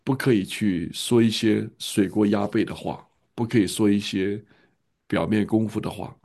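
A male pastor tells a story in sermon style, earnest and repeating key phrases. His voice is gravelly, with a husky edge. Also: lowish voice, fairly even intonation, moderate pace, a little mellow.

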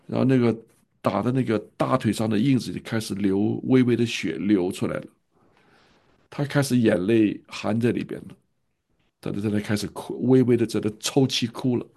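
A man's voice: on the low side, moderate pace, gravelly, darkish tone. A male pastor earnestly telling a family story and repeating phrases for emphasis in a sermon.

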